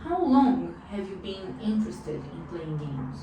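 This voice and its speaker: A woman acting as an English speaking examiner in a mock test, asking short, clearly paced questions. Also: medium pitch, sing-song, measured pace. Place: classroom. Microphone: distant room microphone. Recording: echoey room far from the mic, clear background noise.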